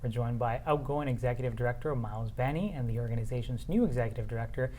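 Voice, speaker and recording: A man's voice: medium pitch, fast, dark tone, a little hiss or hum. A man hosting a community TV interview, friendly and affirming, with frequent mm-hmms. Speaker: host.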